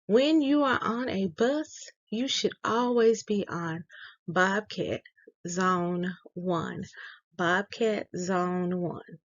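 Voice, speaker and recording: Woman school announcer, measured teacherly delivery for kids, unhurried, slightly muffled recording. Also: mid-range voice. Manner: slow, deliberate, explaining rules to children.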